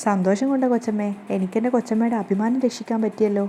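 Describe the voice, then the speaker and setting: A woman voicing an eager, loyal female house maid in a fast recap of a television serial. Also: a little high, fairly even intonation, dark tone, slight background noise, natural voice.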